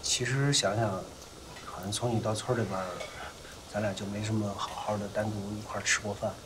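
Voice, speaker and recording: A man's voice: on the low side, steady tone, a little fast, background noise, close to an everyday voice. An actor playing a contrite young husband who stammers out apologies and pleads with his crying wife. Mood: tender. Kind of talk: TV drama acting. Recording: drama scene under loud music.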